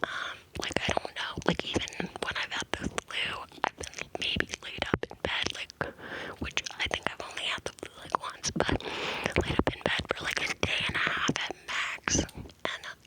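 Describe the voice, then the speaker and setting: A person whispering breathily into cupped hands close to the mic, in a casual, rambling ASMR style with hesitant asides. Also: poor audio. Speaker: ASMR creator. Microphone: close ear-to-ear microphone.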